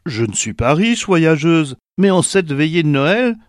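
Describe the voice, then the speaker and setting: A man's voice: a little high, sing-song, measured pace, no echo, clean studio sound, pitched above the performer's own voice. A man voicing a modest village cooper who speaks earnestly of sharing.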